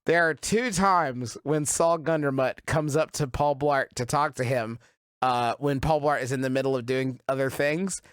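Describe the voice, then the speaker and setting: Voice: medium pitch, moderate pace, clean tone, no echo, studio quality. A podcast co-host chatting casually about a film, laughing often and swearing loosely. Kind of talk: casual comedic film discussion.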